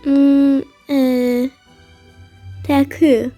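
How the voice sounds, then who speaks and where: A woman's voice: high-pitched, flat delivery, very slow, mellow, faint music behind. A woman giving casual gameplay commentary, chatty and playful, talking back to the game characters. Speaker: gaming channel host.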